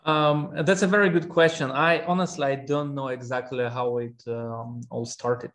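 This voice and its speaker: A man from Armenia, a historian guest in an interview, speaking haltingly with many fillers and restarts. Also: mid-range voice, fairly even intonation, a bit bright. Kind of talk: academic interview.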